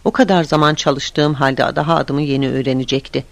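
A man reading a story aloud in the first person, in a steady, plain storytelling manner. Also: mid-range voice, a little fast, gravelly. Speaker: audiobook narrator. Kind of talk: scripted story narration.

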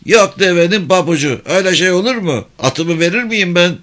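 A man's voice: high-pitched, lively intonation, moderate pace, fairly bright tone, pitched above the performer's own voice. A man voicing a grumbling young village soldier with rustic country talk.

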